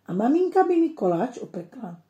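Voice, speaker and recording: Lively little girl for a storybook, read by a woman, mellow tone. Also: a little high, reverberant, highs cut off, pitched above the performer's own voice. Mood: eager.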